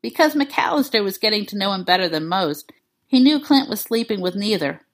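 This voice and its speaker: A woman narrating fan fiction aloud in a calm, even storytelling manner. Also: medium pitch, fairly quick.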